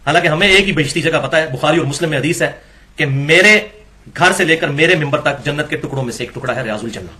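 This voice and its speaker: A man's voice: fairly high pitch, bright, forceful tone. A man giving an Islamic lecture, reading passages from books and challenging them with rhetorical questions. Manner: argumentative, rhetorical questions, critiquing texts. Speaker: religious lecturer.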